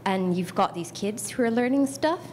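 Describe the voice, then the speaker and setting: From the floor, a woman in her thirties asks a question in a chatty, self-deprecating way, acting out her own reactions in little asides. Her darkish voice has lively intonation and a moderate pace, and a faint rumble sits beneath the recording.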